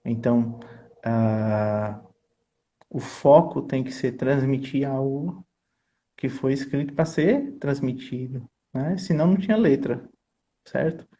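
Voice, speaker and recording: A choir conductor and composer explains his craft in an earnest, teacherly conversation, often checking in with his listener. He speaks slowly in a medium-pitched voice with a dark tone, and the recording sounds muffled.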